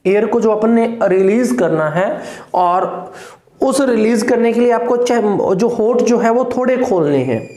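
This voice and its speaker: Male teacher, slow, patient delivery; demonstrates sounds one by one, checks understanding; echoey room. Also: high voice, lively intonation, warm tone. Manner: patient, repeats sounds, keeps asking "clear?". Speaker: English phonetics teacher. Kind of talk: classroom lesson explaining consonant sounds.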